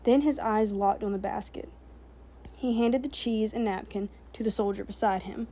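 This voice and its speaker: A woman narrating a novel chapter aloud in a steady, measured storytelling voice. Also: medium pitch, slight background noise.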